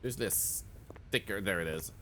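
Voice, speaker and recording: A man doing live gameplay commentary as a streamer, excitable, laughing often and yelping at sudden scares. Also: deep voice, moderate pace, a little hiss or hum. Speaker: streamer playing a horror game.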